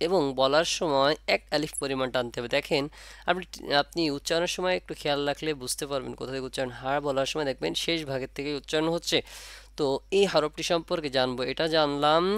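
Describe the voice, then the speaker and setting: A man's voice: fairly high pitch, a bit bright, clear, resonant tone, dry recording. A man with a Bangladeshi Bengali accent teaching Arabic letter pronunciation, patient, repeating points and drawing sounds out to demonstrate them. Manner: patient, repeats and asks the class questions. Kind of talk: Quran letter pronunciation lesson.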